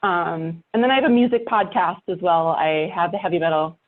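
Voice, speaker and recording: A woman who hosts a podcast and writes chats casually and emphatically, repeating herself to drive points home. Her voice is lowish and brisk, and the audio is thin and phone-like, as on a call.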